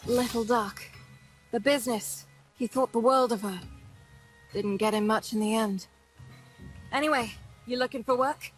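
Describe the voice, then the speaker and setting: A woman's voice: fairly high pitch, unhurried, long pauses, soft background music, lightly acted, rough recording. An actress playing a tough, wisecracking woman squad leader in video game dialogue, brash and teasing with nicknames for everyone.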